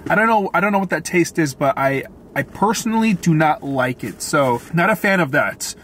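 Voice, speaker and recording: Parked in his car, a Florida man vlogs a casual food review, chatting and commenting between bites. His fairly high, fairly bright voice has lively intonation and a moderate pace, with a little hiss or hum in the background.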